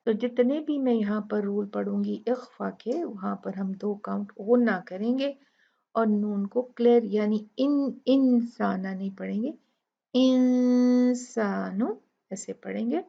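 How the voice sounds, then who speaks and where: A woman with an Urdu accent teaches tajweed in an unhurried, gravelly voice. She explains each rule patiently, then draws out the recited words slowly. The audio is a little dull and lo-fi. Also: medium pitch. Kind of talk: Quran recitation lesson.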